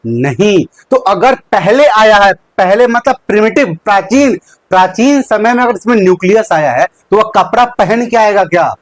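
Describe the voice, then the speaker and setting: The recording is dry, and the young male lecturer's voice sits high, expressive and moderately paced. Live online, he answers his own questions, repeats key terms, and makes use of a handkerchief as a prop.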